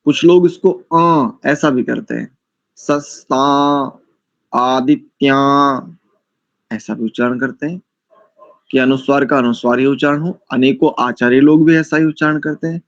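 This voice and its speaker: Drilling Vedic mantra pronunciation syllable by syllable, a Hindi-accented man teaches Sanskrit chanting online, splitting words apart and repeating them slowly. He has a mid-range voice with vocal fry. The audio is dry, with the highs cut off.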